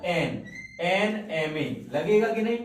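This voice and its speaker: Slow-talking male teacher in an echoey classroom. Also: high-pitched, expressive. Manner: slow, repetitive, quizzing students with questions. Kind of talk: classroom English grammar lesson. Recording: echoey room, mic far off.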